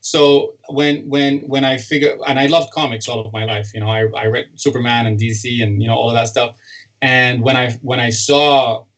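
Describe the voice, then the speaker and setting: A man's voice: medium pitch, flat delivery, a bit bright, rough recording. A man from Sudan, a political cartoonist and parent, chatting in an interview with frequent restarts and fillers. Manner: halting, many restarts and fillers. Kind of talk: casual interview chat.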